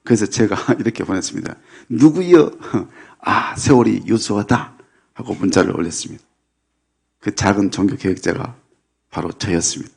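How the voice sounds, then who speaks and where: A middle-aged man preaching a Sunday sermon in a church. He talks at an easy, unhurried pace, drops in little affirming "yes" fillers, and keeps things light with gentle humor. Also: sits low, vocal fry, breathy edge. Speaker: pastor. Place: church sanctuary.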